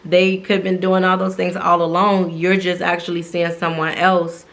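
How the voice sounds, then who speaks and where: A woman's voice: on the low side, little pitch movement, moderate pace, a bit bright. A woman co-hosting a couple's channel, chatting casually and playfully, often laughing. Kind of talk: casual chat.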